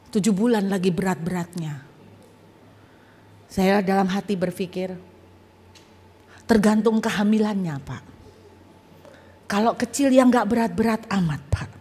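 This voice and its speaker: A woman pastor preaching a sermon with personal testimony, telling her story in a lively way with dramatic pauses and asides to the congregation. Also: fairly low pitch, slightly rough, in a large hall.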